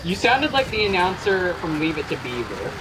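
A man's voice: sits high, sing-song, noisy background. A man hosting a casual online game session with friends, joking around and commenting on the match. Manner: playful, jokey, quick asides. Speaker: gaming channel host. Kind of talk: casual gameplay chat. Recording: game music playing underneath.

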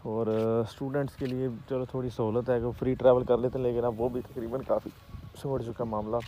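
A man's voice: medium pitch, little pitch movement, a little fast, dark tone, a little hiss or hum. A man in his thirties with a Pakistani Punjabi accent, chatting and explaining as he walks through farm fields, filmed on a phone at arm's length. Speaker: real estate vlogger. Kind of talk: walking vlog with commentary. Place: outdoors in open farm fields. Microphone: phone camera held at arm's length.

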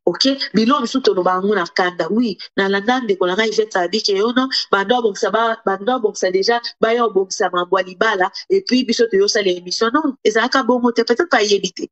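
A woman's voice: medium pitch, fast, hardly any pauses. A woman YouTuber, giving indignant commentary to camera and switching between Lingala and French. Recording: dull lo-fi recording.

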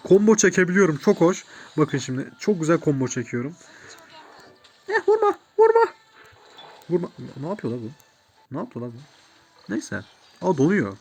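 A man commenting on his own gameplay in an excitable, chatty way, talking back to the game and tossing in English gaming words. His voice sits fairly high and swings widely in pitch. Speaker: gamer. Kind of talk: let's play commentary.

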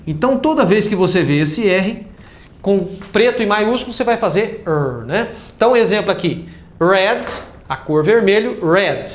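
A Brazilian man teaching English pronunciation, drawing out each sound slowly as he demonstrates it. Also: sits high, animated, echoey room. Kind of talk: explanatory lesson.

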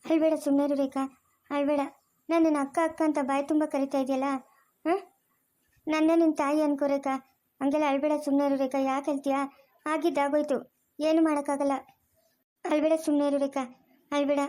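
A woman's voice: high-pitched, little pitch movement, brisk, pauses often, warm tone, close to an everyday voice. A woman voicing a caring, protective elder sister in a cartoon who coaxes and comforts. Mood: soothing. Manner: soothing, coaxing, repeats comfort.

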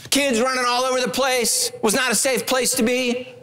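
A middle-aged man preaches from a large church stage into a handheld microphone. His voice sits fairly high, and he tells stories with humorous asides, his pitch climbing and dropping as he goes. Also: normal speed. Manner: animated storytelling with humorous asides, pitch swinging widely. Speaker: pastor. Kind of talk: sermon.

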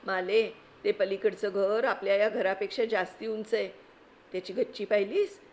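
A woman's voice: mid-range voice, steady tone, moderate pace, a little mellow, close to an everyday voice. A woman voicing a plucky, resourceful boy in a storybook reading, eager and urgent as he gives orders.

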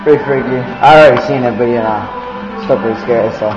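A man's voice: mid-range voice, fairly even intonation, fast, lo-fi sound, music in the background. A teenage young man chatting casually in a slangy, profane way to a handheld camera. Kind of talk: casual vlog chat. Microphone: handheld camera close by. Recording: noisy handheld camera recording.

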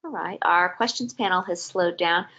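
A woman's voice: lowish voice, normal speed, sharp tone, lo-fi sound. A woman moderating an online faculty workshop, briefly agreeing and inviting others to speak. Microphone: video call.

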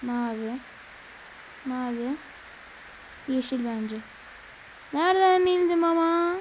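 High-voiced young woman narrating gameplay. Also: fairly even intonation, slow, lo-fi sound, a little hiss or hum. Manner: frustrated muttering, playful sound effects. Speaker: gaming video creator. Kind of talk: casual gameplay commentary.

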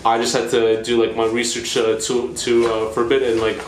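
A man's voice: medium pitch, completely flat delivery, normal speed. A young man hosting an interview who asks long, rambling questions filled with "like" and other fillers. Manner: rambling, heavy use of filler "like". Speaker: interview host. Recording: roomy echo, faint background noise.

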